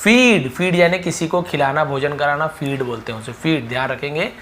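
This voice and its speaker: A man's voice: fairly high pitch, normal speed, a little hiss or hum. Patient male vocabulary teacher. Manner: explains patiently, repeats each word, stresses the headword loudly. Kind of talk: vocabulary lesson.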